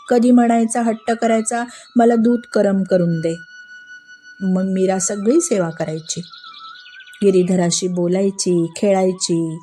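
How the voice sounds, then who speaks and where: A woman narrating a devotional story in an expressive, repetitive storytelling manner. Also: medium pitch.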